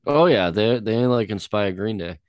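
A man with a lowish, nasal voice, stuffy from a head cold, chats casually as a podcast co-host. His delivery is slangy and laid-back, and the recording is close and dry. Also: animated, moderate pace, a little mellow, no room sound. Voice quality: nasal, congested. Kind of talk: casual chat.

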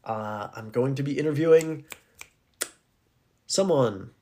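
A man with a raspy, hoarse voice talking casually and earnestly as the solo host of a podcast. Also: mid-range voice, slow, dark tone. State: hoarse, needing to clear his throat.

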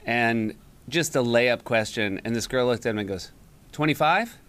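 A man's voice: mid-range voice, fairly even intonation, moderate pace, a bit bright, slight background noise. A man on a podcast, telling a school story in a wry, self-deprecating way. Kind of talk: casual chat.

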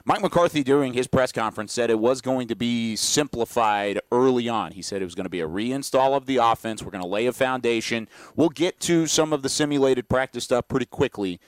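A man's voice: medium pitch, fairly quick, few pauses, no echo. A man hosting a casual sports podcast who recaps events and poses questions to his co-hosts. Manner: steers the talk, sets up questions. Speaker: podcast host.

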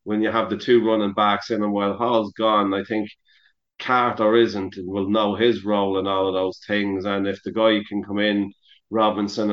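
Low-voiced man rambling about football. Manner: rambling, opinionated, heavy use of "like" and "you know". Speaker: podcast co-host. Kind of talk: casual sports chat. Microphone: remote call over the internet. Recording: muffled internet call audio.

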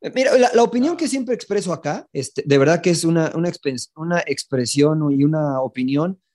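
A man's voice: a little high, animated, a little fast, a little mellow. A Mexican man co-hosting a casual sports talk show, hesitant and repeating his words, then telling jokey stories. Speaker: podcast co-host and analyst.

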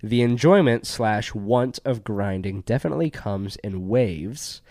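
A man's voice: fairly low pitch, animated, a little slow, darkish tone, dry recording, studio quality. A man co-hosting a podcast, chatting casually and reading out a listener's email, his voice a little congested from allergies. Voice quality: slightly congested, stuffy from allergies. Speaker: podcast co-host.

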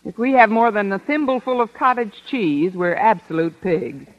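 An actress playing a dry, sardonic American schoolteacher who acts and narrates in a 1950s radio sitcom. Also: female voice, mid-range voice, normal speed, close to an everyday voice. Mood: wry. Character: wry, wisecracking American woman schoolteacher. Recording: muffled vintage radio recording.

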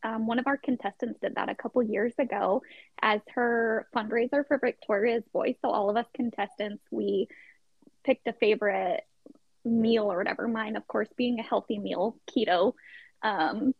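A woman's voice: on the high side, steady tone, normal speed, creaky, breathy edge, no room sound. A middle-aged woman, a podcast guest, telling her story in casual, chatty conversation. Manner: chatty storytelling with frequent laughs. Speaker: podcast guest, pageant contestant. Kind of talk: casual interview chat. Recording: dull lo-fi sound.

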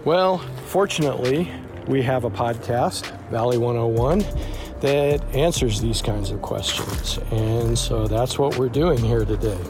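A chatty, easygoing man reports on location while out on a walk along a canal. He talks casually, even turning aside to his dog now and then. A music bed plays clearly beneath his voice. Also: mid-range voice, unhurried. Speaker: newspaper reporter. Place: outdoors walking along a canal.

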